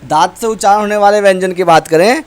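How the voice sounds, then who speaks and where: A male teacher giving a slow, deliberate grammar lesson, reciting letters one by one. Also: high voice, clean tone.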